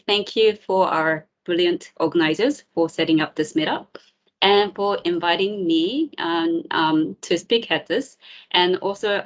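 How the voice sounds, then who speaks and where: A woman in her thirties, born in South Korea and raised in New Zealand, gives a friendly, upbeat tech talk at an online community meetup, with the odd um. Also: fairly low pitch. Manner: friendly, upbeat, with filler ums. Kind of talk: presentation talk.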